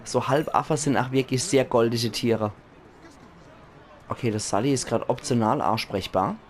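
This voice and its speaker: Man, Palatinate accent, hoarse, gaming commentary, chatty, enthusiastic. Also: mid-range voice, moderate pace. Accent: Palatinate German. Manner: chatty, enthusiastic, laughs often. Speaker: let's play host.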